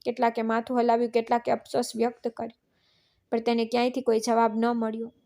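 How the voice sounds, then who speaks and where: A woman narrating a scripted family story in a flat, even reading. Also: on the high side, fast, vocal fry.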